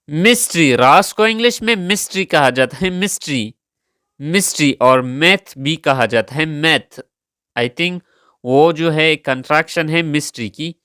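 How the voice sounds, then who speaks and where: A man's voice: a little high, sharp tone, clean tone, no room sound, clean studio sound. A man teaching English vocabulary, saying each word several times and spelling it out letter by letter. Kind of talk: slow vocabulary lesson, spelling words letter by letter.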